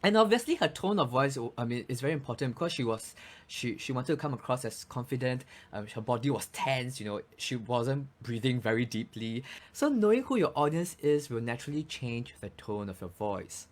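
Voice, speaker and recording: Brief: male voice coach, animated melody, chatty explanatory delivery. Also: medium pitch, brisk, few pauses. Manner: explanatory, frequent restarts and "you know". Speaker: voice coach and actor, guest. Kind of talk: casual interview chat.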